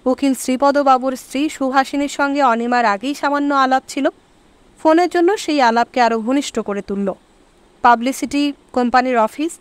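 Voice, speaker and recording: Brief: woman audiobook narrator, high bright voice, dry close recording. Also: dry recording. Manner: expressive storytelling. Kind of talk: scripted narration.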